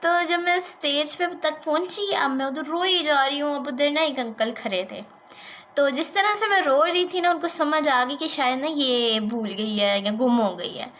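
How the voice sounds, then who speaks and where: A woman telling a childhood story in an animated, chatty vlog style, dropping in English words. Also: high voice, moderate pace. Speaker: vlogger.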